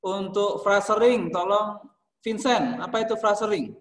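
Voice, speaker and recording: A man's voice: high voice, measured pace, a bit bright, echoey room. A male music teacher from Indonesia teaching a class online, calling on students by name and explaining each term. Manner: calls on students by name, repeats their answers and explains.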